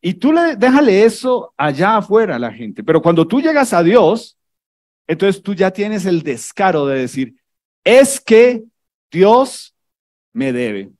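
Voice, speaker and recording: A man, a pastor, preaching a sermon in an animated, teasing way, firing off rhetorical questions. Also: high voice, normal speed.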